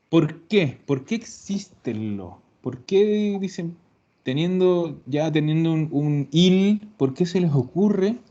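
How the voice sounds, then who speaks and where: A man teaching an online language class, explaining patiently and slowing down to repeat example words. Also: fairly high pitch, dark tone. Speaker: Italian teacher. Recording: dull lo-fi recording.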